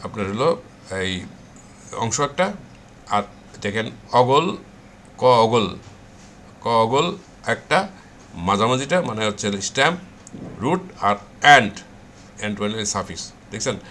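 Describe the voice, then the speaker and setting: A man's voice: fairly low pitch, very animated, slow, long pauses, a bit bright, slight background noise. A middle-aged man from Bangladesh, explaining word formation in a loose, repetitive way with many fillers and restarts. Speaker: vocabulary teacher. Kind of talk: casual explaining lesson.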